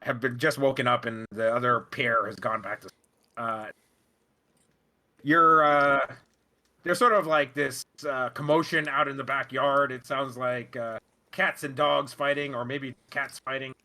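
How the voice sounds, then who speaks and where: A man improvising narration as game master, halting as he searches for words. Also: mid-range voice, fairly even intonation, sharp tone.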